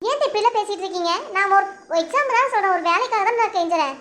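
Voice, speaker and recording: Anxious pleading young wife in a cartoon, voiced by a woman, very high voice, fast talk. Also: expressive, bright, forceful tone, heavily acted. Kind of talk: cartoon voice acting.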